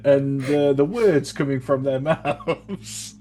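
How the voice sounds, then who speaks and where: A man's voice: mid-range voice, takes it slowly, dark tone, faint music behind. A man tabletop player chatting casually in an easygoing, chuckly manner. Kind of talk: casual chat.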